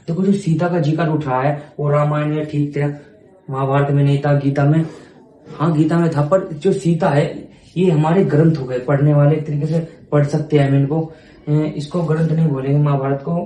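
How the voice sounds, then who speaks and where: A man's voice: on the high side, mellow, reverberant. A man teaching an exam-prep reasoning lesson, reading out lists of items and repeating them, checking in often with his viewers. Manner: repeats items aloud, keeps asking "ठीक है".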